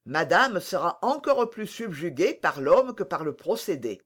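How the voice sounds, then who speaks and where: A reader doing a sly, flattering courtier. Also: mid-range voice, a little slow, full character voice. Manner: smooth, coaxing, flattering. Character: scheming, flattering courtier, a chevalier. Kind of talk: audiobook character reading.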